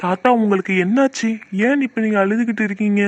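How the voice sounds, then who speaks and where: A man's voice: sits high, fast talker, natural voice. A man voicing a kind, humble young man in a cartoon, who speaks in an earnest, pleading way.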